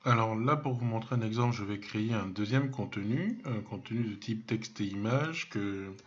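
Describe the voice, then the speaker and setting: A man giving a software tutorial, hesitant and full of fillers and restarts, thinking aloud as he clicks, with self-mocking asides. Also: lowish voice, normal speed, highs cut off. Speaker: web development trainer. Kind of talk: screen-recorded software tutorial.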